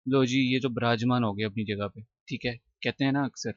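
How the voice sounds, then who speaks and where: A man's voice: medium pitch, steady tone, dry recording, highs cut off. Patient man teaching English. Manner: patient, explains slowly with many "theek hai" checks. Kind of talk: textbook lesson, translating and explaining.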